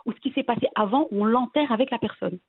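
A woman from Belgium, a guest talking casually and hesitantly about her family, with many pauses and restarts. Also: a little high, no room sound. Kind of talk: casual interview conversation. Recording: tinny phone-like line.

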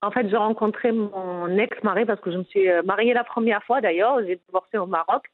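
A woman's voice: medium pitch, a little fast. A middle-aged woman with a Moroccan accent, telling her life story in an interview, earnest and emphatic with many restarts. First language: Moroccan Arabic. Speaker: interviewee, businesswoman. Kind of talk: candid personal interview. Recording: phone-like narrow band.

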